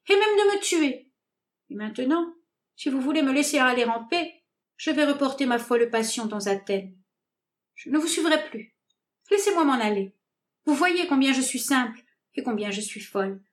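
A woman acts out a timid, lovesick young lady from a classic stage comedy. The voice is fairly high with very lively swings. She sounds prim, earnest and plaintive in a theatrical way.

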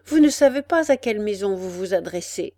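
Brief: desperate pleading old widow, high and loud, as a female reader puts her on; dry close sound. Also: expressive, brisk, no echo, natural voice. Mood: eager. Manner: pleading, exclaiming. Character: poor old widowed mother, anguished and pleading.

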